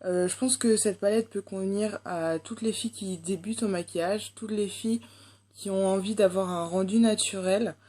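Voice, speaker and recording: A woman's voice: mid-range voice, fairly even intonation, normal speed, dark tone. A young woman with a French accent reviewing a makeup palette in a casual, hesitant way, full of fillers. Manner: chatty, hesitant, many fillers. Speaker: beauty vlogger.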